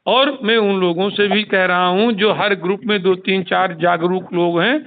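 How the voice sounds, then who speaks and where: In a tinny phone recording with a little hiss or hum, a man portraying a union leader explains insistently and goes over the same points repeatedly. His voice is high, his intonation fairly even, and his speed normal, in an informal chat.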